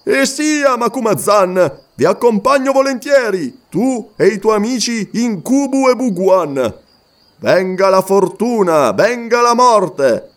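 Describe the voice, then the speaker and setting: A hot-tempered warrior chief bellowing threats, as a man puts him on for an audiobook. The voice is pitched high and swings widely, loud and theatrical. He sounds proud, fierce and ready to fight. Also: lively intonation, slow. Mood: grim.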